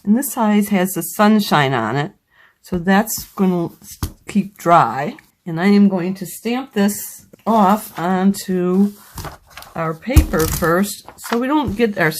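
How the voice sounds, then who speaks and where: A craft demonstrator with a lowish, darkish voice, slightly scratchy from a cold, slowly and patiently explains each step of a crafting tutorial.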